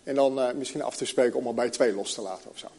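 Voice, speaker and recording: A middle-aged man preaching a sermon, telling a story and reading scripture slowly with long pauses. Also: mid-range voice, a little mellow, slightly rough.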